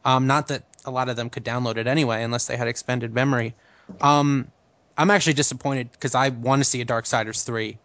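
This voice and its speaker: A man's voice: mid-range voice, fairly even intonation, fast, a bit bright, no echo. A man co-hosting a casual video game chat show, chatty and mildly grumbling. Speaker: podcast co-host.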